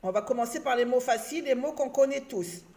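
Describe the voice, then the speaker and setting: A woman's voice: high voice, fairly quick, a little mellow. A woman teaching an early reading lesson, spelling words out letter by letter and stressing syllables.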